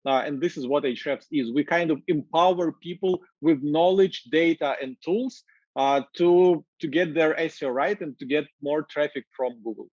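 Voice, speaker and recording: Man, ukrainian accent, 30s, dry muffled video call, slightly high voice. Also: moderate pace, no echo. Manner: energetic, gestures while talking, many fillers. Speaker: marketing executive guest. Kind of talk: casual interview talk. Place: office with glass walls, indoors. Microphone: wireless earbuds on video call.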